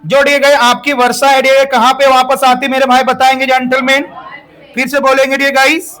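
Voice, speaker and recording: A man's voice: extremely high pitch, completely flat delivery, brisk, sharp tone. A middle-aged man giving a classroom lecture, repeatedly asking his students questions and drawing out words. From India. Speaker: English teacher.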